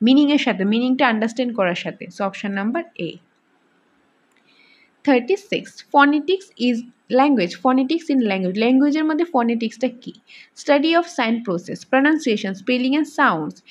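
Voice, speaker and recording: A woman teacher running an exam practice lesson, reading each English option slowly and then explaining it in Bengali. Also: high voice. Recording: dull lo-fi recording.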